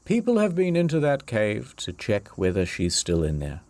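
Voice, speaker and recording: A man narrating a comedic history video, wry and storytelling, with sudden swings in pitch. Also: huge pitch swings, normal speed, darkish tone.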